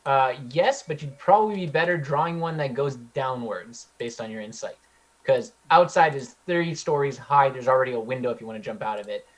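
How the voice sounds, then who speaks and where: A man's voice: mid-range voice, a little fast. A young Californian man running a tabletop game as dungeon master, loose and hesitant with plenty of ums and uhs. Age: young adult.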